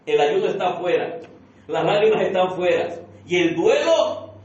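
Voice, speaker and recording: High-voiced preacher in an echoing church. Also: male voice, big pitch swings, moderate pace, a little mellow. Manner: fervent preaching with repeated rhetorical questions; addresses the congregation as beloved brother. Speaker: pastor. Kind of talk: sermon. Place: church sanctuary. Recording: echoey room from far off, dull and lo-fi.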